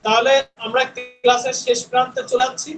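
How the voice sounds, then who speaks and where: High-voiced man drilling English sounds. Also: flat delivery, a bit bright, reverberant, soft background music, rough recording. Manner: drills sounds by repeating them slowly, checks in with "হ্যাঁ?". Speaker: English teacher. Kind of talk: online spoken English class.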